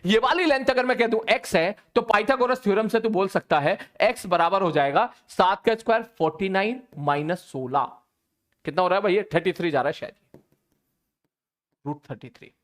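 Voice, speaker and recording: A man's voice: high voice, a little fast, a bit bright. A man teaching a live online physics class, chatty and teasing, talking to his students informally.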